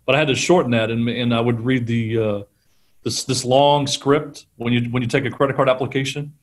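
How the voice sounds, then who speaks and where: A middle-aged man, a guest on an interview show, telling animated stories about selling and laughing often. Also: mid-range voice, fairly quick. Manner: animated storyteller, acts out quotes, laughs often. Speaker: guest, sales trainer. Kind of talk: conversational storytelling interview.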